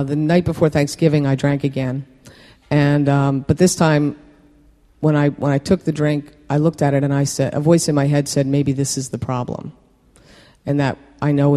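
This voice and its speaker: A man telling his personal recovery story to a meeting, candid and self-deprecating, halting with many fillers. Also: a little high, warm tone. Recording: reverberant hall.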